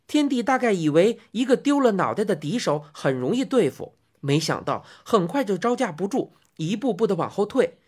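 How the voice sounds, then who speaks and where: Expressive woman reading a story aloud. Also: mid-range voice, normal speed, hardly any pauses, slightly rough. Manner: expressive, with sound effects. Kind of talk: storybook narration.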